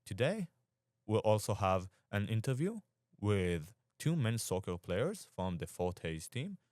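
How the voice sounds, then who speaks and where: A man's voice: on the low side, very animated, a little slow, a little mellow, no room sound, clean studio sound. A young man in his twenties hosting a college sports podcast, reading a scripted intro and then asking questions conversationally. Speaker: podcast host.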